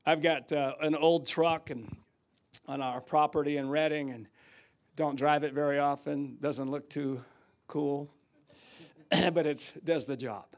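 An older man preaching a sermon in a church, telling stories and swinging from loud outbursts to hushed asides. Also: fairly high pitch, fairly even intonation, measured pace. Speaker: guest preacher. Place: church sanctuary.

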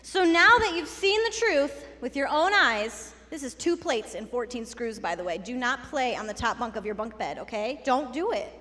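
A woman giving a children's sermon, playful and chatty as she talks straight to the kids. Her voice sits high and bright. It trails off in the long reverb of a church sanctuary. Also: animated, normal speed, few pauses. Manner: playful, conversational, talking to kids. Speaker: children's message leader.

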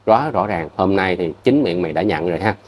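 A man with a Southern Vietnamese accent delivers a vlog rant in a low, deep voice. He talks quickly, scolds bluntly and circles back over the same points. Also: expressive. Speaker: vlogger. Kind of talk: heated commentary rant to viewers.

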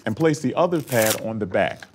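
A man narrating a scripted training lesson in a measured, explanatory way. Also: on the low side, expressive, a little hiss or hum. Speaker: instructional narrator.

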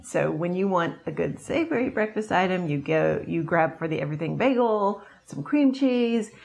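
A woman's voice: on the low side, animated, normal speed, gravelly, a little mellow. Middle-aged woman, casual food reviewer. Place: small indoor room at a table. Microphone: lapel mic.

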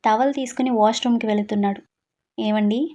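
A woman narrating a romantic story with steady, expressive reading. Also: mid-range voice, normal speed, highs cut off.

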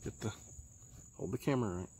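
A man, chatting casually while fishing from an outdoor lake dock, recorded on a handheld phone and often talking low and hushed. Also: quick pace. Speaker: fishing vlogger. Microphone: handheld phone camera.

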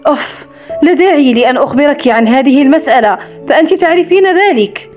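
A woman's voice: high voice, lively intonation, quick pace. Woman reading as a blunt protective man. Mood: scornful. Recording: slightly dull recording with soft music.

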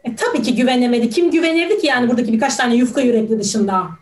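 A woman's voice: on the high side, lively intonation, racing, lightly acted. A woman playing a sneering, hostile juror. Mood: scornful. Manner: challenging, scornful. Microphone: video call. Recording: roomy room sound.

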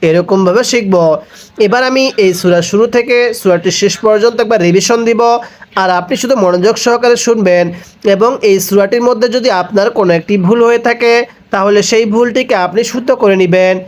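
A man teaching Quran reading, with a Bangladeshi Bengali accent, who spells out each syllable and chants the verses in long drawn-out tones. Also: high voice. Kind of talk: slow spelled-out Quran recitation lesson.

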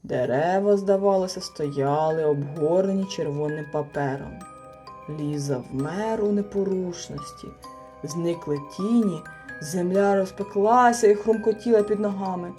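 A woman narrating a children's storybook with an expressive, animated reading. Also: on the low side, unhurried, faint music behind. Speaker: audiobook narrator.

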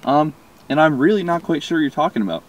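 A man's voice: fairly high pitch, animated, fast talker, distant mic. A man playing an employee in a comedy sketch, leaving a hesitant, confused voicemail for his boss.

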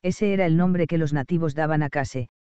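Man, audiobook narration, measured and expressive, mellow voice, dull dry lo-fi recording. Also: on the high side, clear, resonant tone, no echo.

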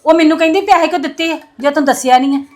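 A woman's voice: high voice, very fast, natural voice. A woman plays a quarrelsome mother who scolds her son and daughter-in-law with accusing questions. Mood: scolding. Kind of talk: family web series acting.

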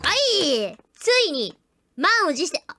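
A woman streams a horror game, chatting jittery and nervously while making self-mocking jokes as she plays. Her high voice is sing-song, slow, and sharp in tone, and the live commentary is dryly recorded.

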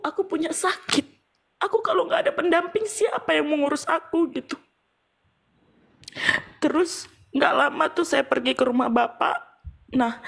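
High creaky young woman, close to tears. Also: fairly bright tone. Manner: tearful, pleading, addresses the doctor often. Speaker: patient. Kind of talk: emotional personal account.

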